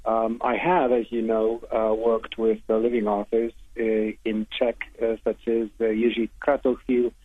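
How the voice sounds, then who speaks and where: A man answering radio interview questions as a literary translator, halting with many hesitations and restarts. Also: fairly low pitch, little pitch movement, breathy edge. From United States. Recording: tinny phone line, dry.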